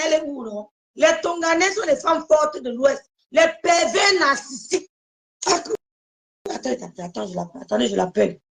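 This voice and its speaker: High-voiced woman hosting a live stream. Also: rough recording. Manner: emphatic, repeats phrases, addresses viewers directly. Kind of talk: casual live-stream talk to viewers.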